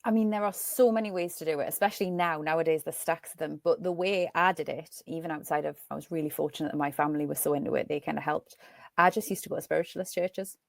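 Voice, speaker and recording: A middle-aged woman with a Geordie accent chats as a podcast guest, telling stories with lively energy. Her voice sits a little low and sounds dry and close, with no room around it, over a video call. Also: fast talker, vocal fry, dry recording. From North East England. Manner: chatty, animated storyteller. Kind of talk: casual chat.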